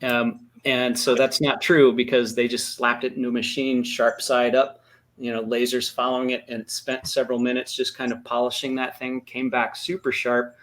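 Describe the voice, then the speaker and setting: A man's voice: medium pitch, level tone, normal speed, fairly bright tone. A man co-hosting a podcast, giving casual, rambling opinions illustrated with personal anecdotes. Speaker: podcast co-host. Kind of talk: casual discussion.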